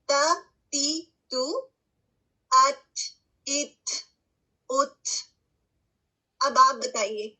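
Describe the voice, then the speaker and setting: Bright, husky-voiced woman teaching. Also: high-pitched, low-quality recording. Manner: patient, asks the listener to check understanding; repeats letter sounds slowly to demonstrate. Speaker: tajweed teacher. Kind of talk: explanatory lesson.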